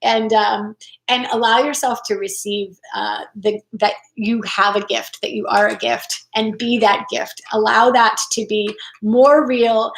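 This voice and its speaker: A woman talking casually as a self-help coach in a live video, chatty and animated, acting out inner voices in a higher tone. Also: measured pace, gravelly. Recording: echoey room.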